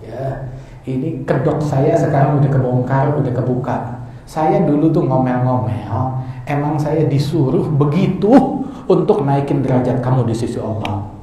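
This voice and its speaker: A man's voice: medium pitch, lively intonation, normal speed, warm tone, slight background noise. A male preacher who tells a slangy story in his sermon and acts out the people in it. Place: religious gathering in a large echoing hall. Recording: very echoey hall.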